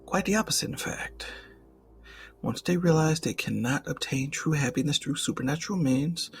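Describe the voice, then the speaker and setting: In an ASMR roleplay, a man plays an ancient male demon who is suave and jaded, speaking in formal, theatrical, half-whispered phrases. His breathy, gravelly voice is a little high, at normal speed, over a noisy background, and he sounds sly and superior.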